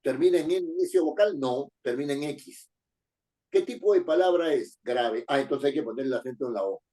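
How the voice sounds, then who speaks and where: A man's voice: medium pitch, normal speed, mellow. A man teaching a class, explaining rules and repeating key phrases while he asks the students questions. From Peru. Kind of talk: spoken lesson on writing and accent marks.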